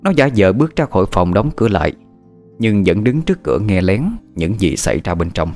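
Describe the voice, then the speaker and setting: A man's voice: sits low, very animated, a little fast, a little mellow, soft background music. A man narrating a horror story in a dramatic, suspenseful way.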